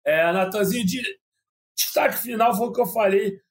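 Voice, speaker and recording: A man's voice: high voice, normal speed. A man, a sports reporter, chatting on a podcast, rambling with restarts and coughing from a dry mouth. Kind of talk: casual podcast chat.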